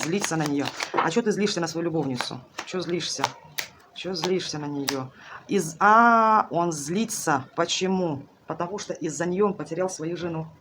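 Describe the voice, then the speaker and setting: A tarot reader in a casual, colloquial flow, questioning the cards out loud and answering back at a middling pitch. A steady hiss and clicks sit under the voice throughout the recording. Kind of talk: casual tarot reading to camera.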